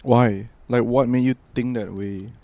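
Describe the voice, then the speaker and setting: A young man hosting a casual podcast chat, relaxed and full of fillers. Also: mid-range voice, unhurried, gravelly, no echo. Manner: relaxed, filler-heavy, trailing off. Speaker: podcast host.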